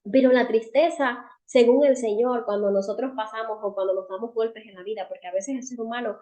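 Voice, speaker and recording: Woman speaker, warm, slightly high voice, earnest devotional teaching that speaks straight to her listeners. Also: fairly even intonation, a little fast. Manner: earnest, asks the audience rhetorical questions; addresses listeners directly as friends and sisters. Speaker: women's seminar speaker.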